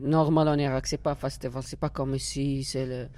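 A man's voice: medium pitch, flat delivery, normal speed, dark tone. An Iraqi musician, a man with an Arabic accent, answers casually in hesitant, broken French with the odd English word mixed in. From Iraq. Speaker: musician, interview guest.

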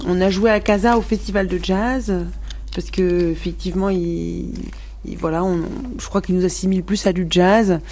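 A woman's voice: fairly low pitch, steady tone, normal speed, darkish tone, a little hiss or hum. A woman from Morocco, speaking frankly as a musician guest in a radio interview, with many restarts and fillers.

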